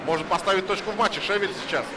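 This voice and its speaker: A man commentating live on hockey as play-by-play caller, breaking into excited, exclaiming goal calls. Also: high voice, racing. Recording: loud outdoor or vehicle-like background noise.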